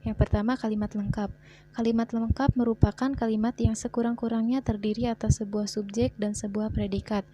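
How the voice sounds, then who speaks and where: A woman teacher, reading a grammar lesson in a measured way and slowing down for example sentences. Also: on the high side, flat delivery. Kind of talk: scripted grammar lesson narration.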